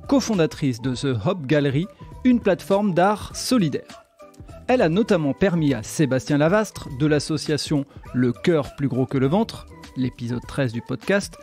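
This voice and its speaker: A man hosts a podcast, reading an upbeat, welcoming introduction before he turns to his guest. His voice sits a bit high for a man, and faint music plays behind him. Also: lively intonation, normal speed, a little mellow. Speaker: podcast host. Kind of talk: scripted intro, then interview.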